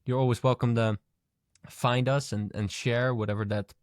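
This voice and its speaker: A man's voice: medium pitch, fairly even intonation, normal speed, no echo, clean studio sound. A man co-hosting a podcast in casual chat, thoughtful and musing as he talks. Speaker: podcast co-host.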